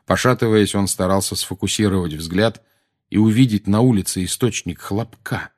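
Male audiobook narrator, low and husky, steady and measured.

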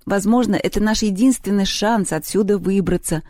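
A reader voicing a clever bookish boy who explains things in a measured way. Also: medium pitch, darkish tone, no echo, clean studio sound, pitched above the performer's own voice, lightly acted. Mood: reasoning.

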